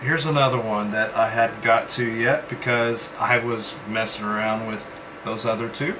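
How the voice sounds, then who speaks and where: A man giving a casual vlog-style product review, rambling and halting, pausing often as he goes. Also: lowish voice. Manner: rambling, halting delivery with pauses as he tastes. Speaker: vape reviewer. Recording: steady background hum, like air conditioning.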